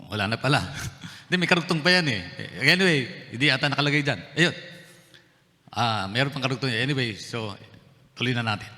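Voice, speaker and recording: A man's voice: medium pitch, expressive, brisk, pauses often, bright, forceful tone. A man from the Philippines preaching a sermon as pastor, mixing English phrases into his talk and putting questions to the congregation. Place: church sanctuary. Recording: long reverb of a church hall.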